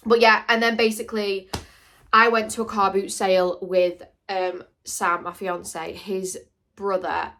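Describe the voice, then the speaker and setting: A woman's voice: medium pitch, level tone, measured pace, fairly bright tone, a little hiss or hum. A young woman talks straight to camera in a loose, chatty Q&A. She rambles, loses her thread and throws in dry little jokes as she goes. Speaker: vlogger. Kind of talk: casual Q&A chat to camera.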